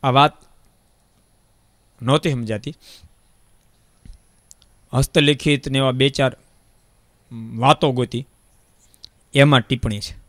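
A man giving a religious discourse, telling a parable in an animated way and repeating phrases for emphasis. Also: medium pitch, slow pace, pauses often, dry recording, studio quality. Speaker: preacher.

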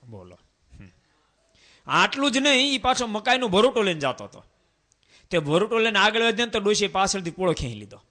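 A man delivers a sermon as a monk, weaving folk stories in between. He speaks in a bright, forceful voice, animated and full of exclamations. He keeps turning to his listeners with rhetorical questions. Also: high voice, fairly quick, long pauses. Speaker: monk preacher.

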